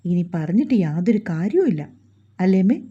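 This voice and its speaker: A woman's voice: fairly low pitch, very animated, normal speed, mellow, breathy edge. A woman voicing a cheerful, teasing young man in a storybook reading, easygoing and reassuring, on a dull lo-fi recording. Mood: teasing reassurance.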